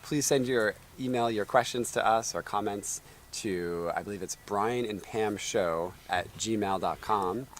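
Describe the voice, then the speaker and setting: A man in his thirties, co-hosting a casual chat show and telling stories in a lively way. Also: lowish voice, measured pace, slight background noise. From United States. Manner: lively storytelling, chuckling. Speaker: co-host. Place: outdoor backyard.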